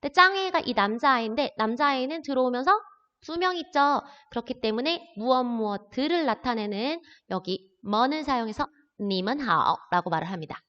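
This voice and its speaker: A woman's voice: a little high, expressive, fairly quick, sharp tone. A woman teaching an introductory language lesson, explaining words patiently step by step. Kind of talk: recorded classroom lesson. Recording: dull lo-fi audio with long reverb.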